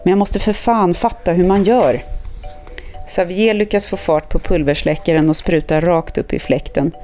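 Brief: podcast host reading fiction aloud, steady and measured, dark mellow tone. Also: medium pitch. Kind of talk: reading a novel aloud, then casual chat.

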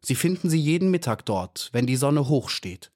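A man narrating puts on a little female bee from a storybook, her voice raised well above his own and bright. She sounds cautious yet stubbornly firm. Young, small and brave. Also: on the high side, sing-song, moderate pace, voice pushed up.

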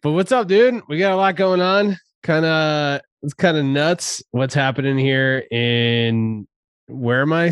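Male co-host, breezy and slangy, smooth clear voice, closely recorded casual conversation. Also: medium pitch, no echo. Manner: breezy, slangy bro talk. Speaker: podcast co-host. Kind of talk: casual chat.

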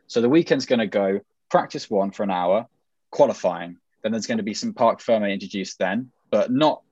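A man's voice: medium pitch, no echo, dull audio. A man with a modern British Received Pronunciation accent hosts a podcast in a casual style with wry banter. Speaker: podcast host.

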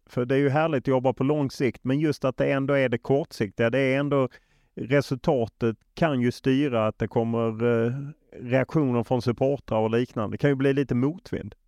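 A man's voice: medium pitch, steady tone, a little mellow, no room sound, clean studio sound. A man working as an interviewer, putting questions in a conversational style.

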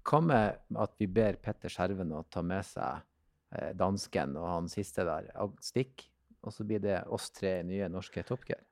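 A man's voice: low-pitched, gravelly, darkish tone, no room sound, clean studio sound. A man hosting a podcast, joking playfully in casual chat. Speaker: podcast host.

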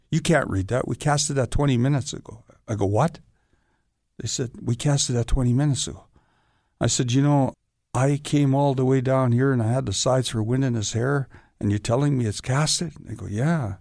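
Man, gravelly voice, casual storytelling interview, acts out quoted voices, dry close sound. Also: mid-range voice, a little mellow, no room sound. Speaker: guest, actor and stuntman.

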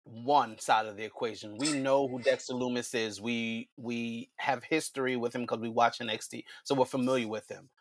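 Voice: medium pitch, fairly even intonation, moderate pace, few pauses. A podcast co-host breaking down a wrestling segment step by step in casual chat. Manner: explanatory, builds points step by step.

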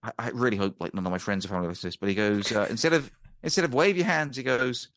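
A man's voice: fairly low pitch, very fast, a bit bright, dry recording. A man telling a rambling, chatty story as a podcast guest, laughing often. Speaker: guest musician and ukulele teacher. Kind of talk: casual storytelling.

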